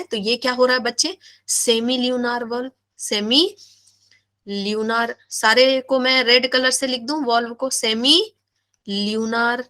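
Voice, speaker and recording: A woman teacher leads a live biology lesson. She speaks slowly in a bright, somewhat high voice. She keeps asking questions and repeating the key terms. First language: Hindi. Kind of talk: live online class lecture.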